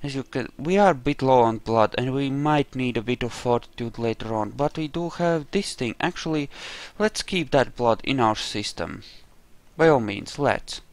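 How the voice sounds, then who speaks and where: An animated man with a mid-range voice talks at normal speed in a dry recording, narrating his roleplay game playthrough. As a gamer thinking aloud, he rambles casually and keeps up a dry, wry sarcasm.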